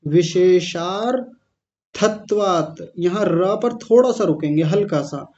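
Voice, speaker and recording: Man, recitation teacher, high mellow voice, slow careful chanting, frequent throat-clearing, dull lo-fi audio. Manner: slow, syllable-by-syllable chanting of verses, corrects pronunciation. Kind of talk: online class pronunciation drill.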